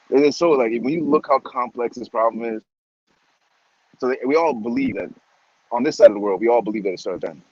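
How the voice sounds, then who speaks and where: A man co-hosting a casual podcast chat, talking in animated slang and acting out little voices. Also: mid-range voice, moderate pace, long pauses, no echo, lo-fi sound. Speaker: podcast co-host.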